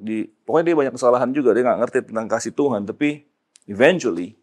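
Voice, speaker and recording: A man preaching a sermon, switching between casual slang and English and rising to loud emphatic peaks. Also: mid-range voice, animated, quick pace, husky.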